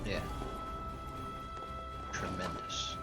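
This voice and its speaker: A man's voice: extremely slow, bright, forceful tone, soft background music. A man co-hosting a game stream, chatting casually and telling stories with enthusiasm and some swearing. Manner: enthusiastic, profane storyteller. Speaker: streamer co-host. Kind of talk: casual chat over gameplay.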